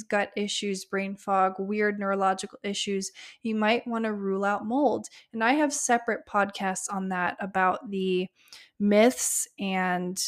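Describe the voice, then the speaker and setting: An American woman hosts a solo podcast on gut health, where she works as a practitioner. Her medium-pitched voice is a bit hoarse and giving out as she talks conversationally through lists, dropping small fillers.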